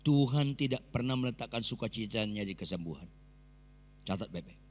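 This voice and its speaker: A man preaching a sermon as pastor with an Indonesian accent, swinging between loud exclaiming and low emphatic asides and quizzing the congregation. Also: expressive, fairly quick. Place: church hall. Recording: long church reverb.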